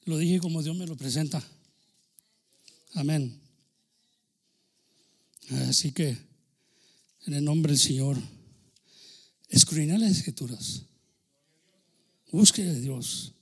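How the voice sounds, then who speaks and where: A man preaching a sermon as pastor, swinging between loud exclamations and low asides. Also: slow pace, long pauses, breathy edge.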